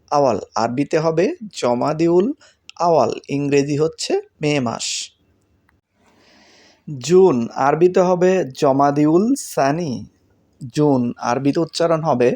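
A man with a Bangladeshi Bengali accent teaching vocabulary in a casual spoken lesson, saying each word again and again so learners can memorize it. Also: on the high side. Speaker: language teacher.

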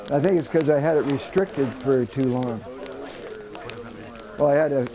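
A man's voice: medium pitch, vocal fry, mellow. An older man, a canoe carver, explaining his methods in plain, practical talk with some fillers, outdoors at a work site. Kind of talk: hands-on demonstration.

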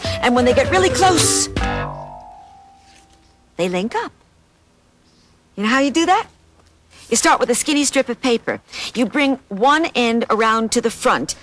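A woman hosting a children's TV show, presenting crafts and tricks in an animated, bouncy way and talking straight to the children. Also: on the high side. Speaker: children's TV host.

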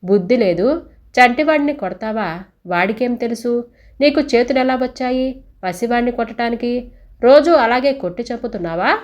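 A woman's voice: a little high, normal speed, dull audio, lightly acted. A woman voicing a fierce young mother. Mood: angry. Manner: angry shouting.

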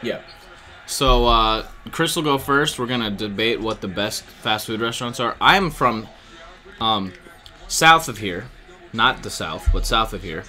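Bright-voiced man hosting a casual podcast. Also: lowish voice, animated, a little slow, faint music behind. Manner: rambling, filler-heavy, jokey. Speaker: podcast host. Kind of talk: casual chat while eating.

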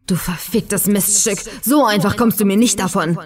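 A woman's voice: medium pitch, moderate pace, a little mellow, natural voice. A woman doing a menacing sweaty lecturer. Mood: threatening. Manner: snarling, threatening. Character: sweaty, heavyset male college lecturer, menacing.

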